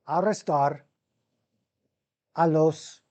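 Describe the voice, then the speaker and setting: A man's voice: fairly high pitch, very slow, a little mellow. A man giving a seminary Bible lecture, calling his listeners brothers, asking them rhetorical questions and often restarting words mid-sentence. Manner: asks the class rhetorical questions.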